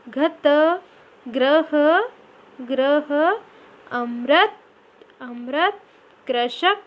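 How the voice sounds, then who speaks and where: A woman with a high voice takes a primary school reading lesson. She sounds out each word syllable by syllable and says it twice so the children can copy her. She talks slowly and patiently. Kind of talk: slow phonics lesson for children.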